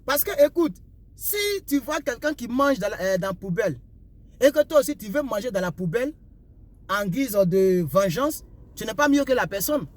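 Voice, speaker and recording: A man's voice: high-pitched, expressive, normal speed, no echo. A young man from Ivory Coast with an Ivorian French accent, giving repetitive, preachy life advice in a casual talk while driving his car. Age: young adult. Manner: repetitive, preachy, asks "vous comprenez un peu?". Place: inside a car on the road. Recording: faint road and car noise.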